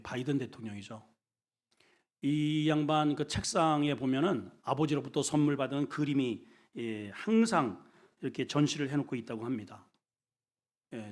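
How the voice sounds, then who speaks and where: A male senior pastor preaching a sermon in a folksy, colloquial way, swinging between hushed and loud, emphatic lines. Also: a little high. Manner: folksy, colloquial storytelling with humor.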